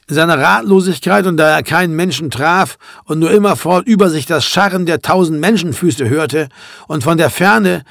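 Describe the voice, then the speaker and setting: A man's voice: on the high side, gravelly, no echo, clean studio sound. Man reading a classic novel aloud. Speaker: audiobook narrator. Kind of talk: scripted literary narration.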